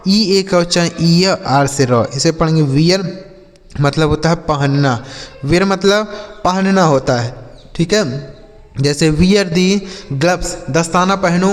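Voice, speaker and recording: A man teaching English words, spelling each one letter by letter and slowing down to read out example sentences. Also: on the high side, in a large hall. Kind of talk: spelling and word-meaning lesson.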